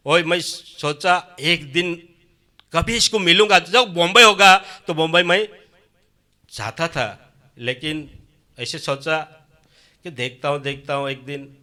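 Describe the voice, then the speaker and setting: A middle-aged man giving a rambling, emotional personal testimony, swinging from soft to loud. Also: high voice. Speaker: church member giving testimony.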